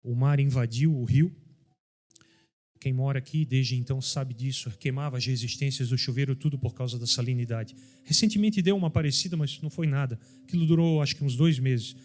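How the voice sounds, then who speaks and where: A man's voice: mid-range voice, a little fast, darkish tone. A middle-aged man preaching a sermon, emphatic and addressing his listeners directly. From southern Brazil.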